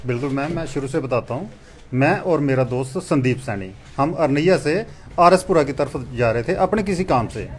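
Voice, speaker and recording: A man giving a measured, step-by-step account in an interview. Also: fairly high pitch, animated.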